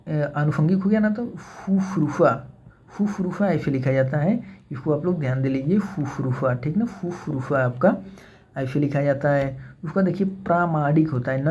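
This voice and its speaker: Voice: medium pitch, mellow. A teacher giving an exam-prep grammar lesson, repeating each word and checking in with the listeners. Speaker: Hindi teacher for exam preparation. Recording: dull lo-fi sound.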